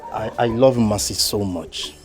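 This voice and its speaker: A man playing a humble deep-voiced suitor. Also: unhurried, a little mellow, faint music behind, lightly acted. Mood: respectful. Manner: respectful, grateful. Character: polite young suitor, eager and humble.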